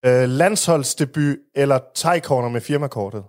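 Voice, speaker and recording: A man's voice: mid-range voice, background noise. A man hosting a casual chat, reading out listener questions in a teasing tone. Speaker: podcast host.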